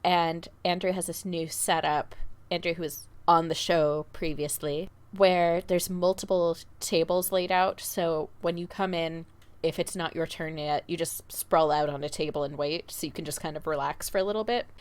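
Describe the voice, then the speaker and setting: A woman's voice: on the low side, fairly even intonation, normal speed, clear, resonant tone. A woman co-hosting a podcast, telling stories in casual chat and laughing often. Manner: chatty storyteller, laughs often. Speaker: podcast co-host. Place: home.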